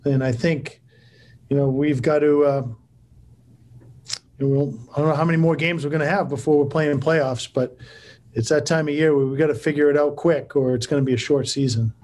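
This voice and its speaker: This hockey coach, a man in his forties, handles postgame press questions via laptop video call in an office with cinder-block walls. His voice sits on the high side, fairly even and a little mellow, at a moderate pace. He speaks plainly, often restarting and using fillers.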